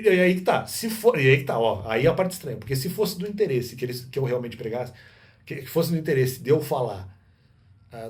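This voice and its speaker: A man's voice: medium pitch, a little mellow. A man in an unscripted monologue, rambling with many restarts and self-corrections. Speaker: vlogger.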